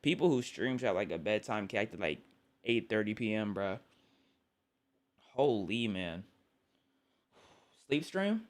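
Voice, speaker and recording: He's a tired young man streaming late at night, casually rambling and joking with chat while often repeating and restarting his words. His lowish voice has big pitch swings, and he speaks unhurriedly with long pauses.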